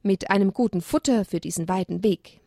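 A woman voicing a caring mother donkey who gently scolds her young. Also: mid-range voice, a little fast, gravelly, no echo, clean studio sound. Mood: firm.

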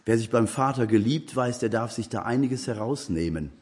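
A man preaching a sermon, earnest and exhorting, his voice lifting higher when he urges his listeners on. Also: expressive, normal speed, a little mellow, breathy edge.

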